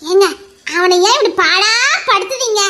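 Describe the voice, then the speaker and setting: A woman's voice: extremely high pitch, moderate pace, bright, forceful tone. A woman playing a protective middle-aged mother who defends her son and argues with her husband in a pleading, reasoning way. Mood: defensive. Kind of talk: amateur audio drama.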